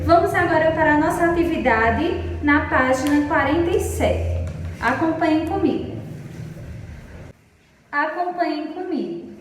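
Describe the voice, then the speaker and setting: A woman from Brazil, a primary school teacher, giving a recorded lesson for children in an affectionate, slow, explanatory way, reading example sentences aloud drawn out. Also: sits high. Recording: echoey room, distant mic, faint noise.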